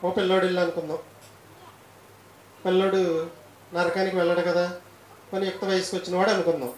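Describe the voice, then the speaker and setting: A man's voice: high-pitched, level tone, a little fast, slight background noise. A man teaching a Bible lesson who repeats key phrases and keeps asking his listeners questions. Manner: repetitive, asks questions of listeners. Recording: roomy echo.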